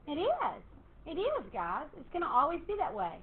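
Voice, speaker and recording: A woman math teacher, lecturing her class in a lively, encouraging way and quizzing students. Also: high voice, moderate pace. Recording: tinny phone-like classroom recording, faint hiss.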